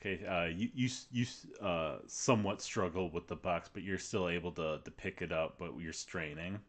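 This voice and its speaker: A man narrating a tabletop game as game master, steady and descriptive, in a room shared with the players on one mic. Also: low-pitched, moderate pace.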